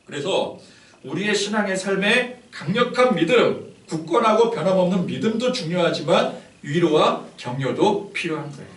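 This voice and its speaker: Male pastor, casual chatty sermon, lively pitch, roomy hall, mic at a distance. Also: normal speed. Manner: animated and conversational, with many fillers.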